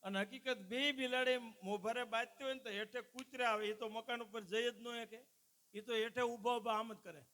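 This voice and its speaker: A man's voice: very high-pitched, steady tone, moderate pace, bright, forceful tone. A man, telling jokes and folk stories live to an audience and addressing the crowd as "saheb". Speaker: stand-up folk comedian at a dayro. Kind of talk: live comic storytelling to an audience.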